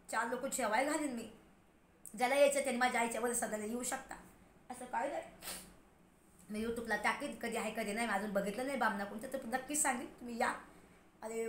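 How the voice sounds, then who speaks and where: A woman's voice: on the high side, a bit bright. A woman in a casual personal vlog, rambling emotionally and talking straight to her viewers. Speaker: vlogger. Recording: roomy echo, faint background noise.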